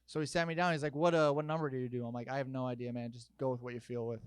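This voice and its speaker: A young man doing a stand-up comedy set, telling stories in an animated way and jumping up into loud shouted bits. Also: mid-range voice, very fast, smooth, no echo, studio quality. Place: comedy stage with audience.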